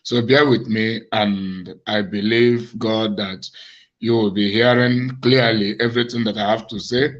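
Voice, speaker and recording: An evangelist hosting his own show addresses viewers in a monologue, speaking slowly, deliberately and accusingly. A cough has left his rather low voice hoarse and cracked, with fairly even intonation, and the recording is dull and lo-fi.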